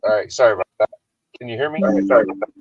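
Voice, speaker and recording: A man's voice: fairly low pitch, racing, slightly rough, no room sound. A man calling in to a show, talking casually with rambling fillers, his call fading in and out through static. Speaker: caller. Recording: dull lo-fi call line.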